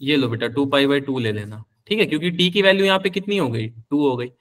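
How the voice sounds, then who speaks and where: A man's voice: medium pitch, fairly quick, a bit bright. A young man teaching a physics class live online, chatty, calling his students beta and answering their questions.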